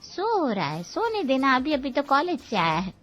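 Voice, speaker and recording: Scolding, doting cartoon mom, high voice, muffled audio. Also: female voice, wildly swooping pitch, moderate pace, a bit bright, soft background music, heavily acted. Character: doting, scolding middle-aged mother.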